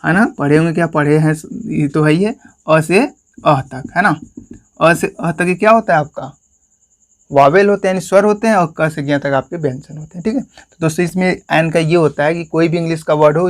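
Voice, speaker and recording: Hindi accent guy teaching grammar, slightly high voice, keeps saying friends. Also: fairly quick. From India. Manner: repeats "friends" and asks questions he answers himself. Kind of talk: explanatory classroom lesson.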